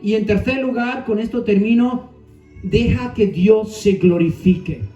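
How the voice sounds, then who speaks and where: A man in his thirties preaching a sermon with personal testimony, earnest, moving between soft asides and emphatic phrases. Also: sits high, unhurried. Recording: echoey room, distant mic, dull sound, faint music.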